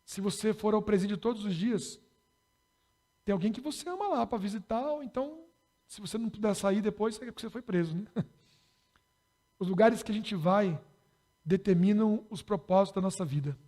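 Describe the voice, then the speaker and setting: A man's voice: high voice, expressive, moderate pace, pauses often, mellow. A Brazilian man preaching a sermon as pastor, speaking in a conversational, humorous way and rising in emphasis on key points. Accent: Brazilian Portuguese.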